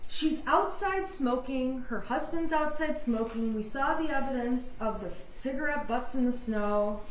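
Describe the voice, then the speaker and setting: An American woman, a defense attorney, delivering a passionate, emphatic closing argument in court. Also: high-pitched. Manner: passionate, emphatic, insistent arguing. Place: indoor courtroom. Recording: echoey courtroom with background noise.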